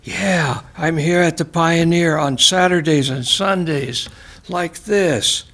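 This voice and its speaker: A man's voice: a little high, slow pace, a bit bright, pitched above the performer's own voice. A man reading aloud and voicing a blunt, teasing old man who speaks in cryptic riddles. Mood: offhand. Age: older. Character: cryptic, prickly old man, former classmate.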